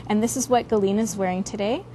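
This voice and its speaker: A woman presenting as a home shopping product expert, conversational and advisory in loose run-on phrases, with clear noise behind. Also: medium pitch, fairly even intonation, fast. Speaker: guest makeup expert presenting her own product line on home shopping.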